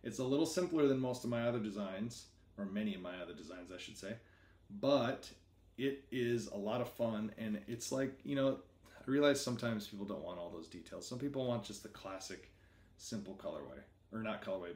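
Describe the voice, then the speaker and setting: A man's voice: fairly low pitch, a little mellow, echoey room. A middle-aged man casually showing off and chatting about his new merchandise designs, enthusiastic and full of self-corrections. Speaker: artist presenting his merchandise. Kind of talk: casual product preview vlog.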